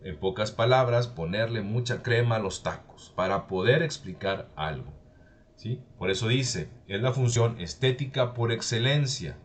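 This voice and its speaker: A man gives a class lecture in a somewhat low voice. He explains each point patiently and keeps asking "¿sí?" to check his students follow. A faint hum of noise sits under the recording. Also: expressive, normal speed. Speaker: teacher.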